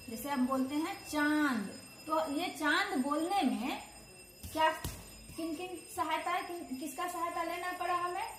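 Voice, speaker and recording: A woman teaching a grammar lesson to children, going slowly, repeating key terms and asking questions she then answers. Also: high-pitched, fairly bright tone. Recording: echoey room with faint ambience.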